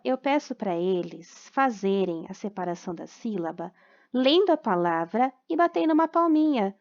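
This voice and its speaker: Recorded at home in quarantine, this lesson correction for parents comes from a Brazilian primary school teacher speaking Brazilian Portuguese in a high voice, with the highs cut off. She goes over homework answers patiently, explaining, frequently checking in, and spelling words out slowly syllable by syllable.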